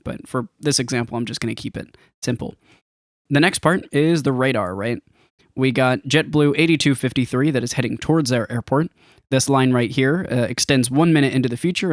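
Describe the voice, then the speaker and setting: A game developer with a mid-range voice gives a casual, tutorial-style commentary over a screen-recorded demo of his own game, meandering somewhat as he thinks aloud. The recording is clean studio sound with no room sound.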